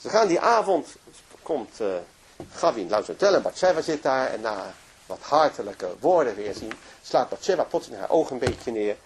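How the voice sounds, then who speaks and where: A man's voice: medium pitch, sing-song, moderate pace, slight background noise. A man telling a moving story in a religious lecture, narrating with emotion and frequent restarts. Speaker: religious speaker.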